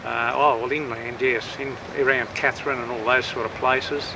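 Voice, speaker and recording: An elderly man with an Australian accent tells his war memories in a rambling, grandfatherly way, pausing and correcting himself as he goes. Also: mid-range voice, level tone, creaky. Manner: rambling grandfatherly reminiscing, hesitant with pauses and self-corrections. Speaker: war veteran recounting his service. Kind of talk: unscripted oral-history storytelling. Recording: noisy outdoor sound, distant microphone, wind.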